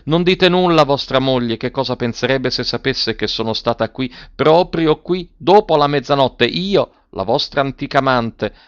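A man's voice: medium pitch, no echo, close to an everyday voice. A man voicing a proud, ironic princess who speaks sardonically and imperiously in a storybook reading. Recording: dull lo-fi audiobook recording.

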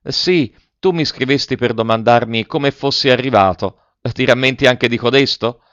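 A man's voice: mid-range voice, moderate pace, fairly bright tone, dry recording, dull audio, voice pushed up, lightly acted. A man reading aloud and voicing an awkward, modest young man who speaks hesitantly. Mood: bashful. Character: bashful young man, awkward and tongue-tied.

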